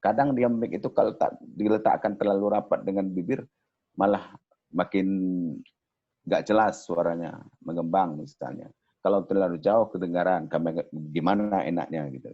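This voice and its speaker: A man giving a broadcasting workshop talk, animated and mimicking different greeting voices. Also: deep voice, normal speed, lo-fi sound. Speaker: broadcasting trainer.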